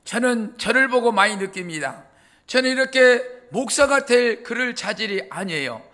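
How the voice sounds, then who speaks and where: A male pastor preaches a sermon in a chatty, storytelling manner. His voice sits unusually high. It rings bright and forceful. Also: normal speed. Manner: lively, colloquial storytelling.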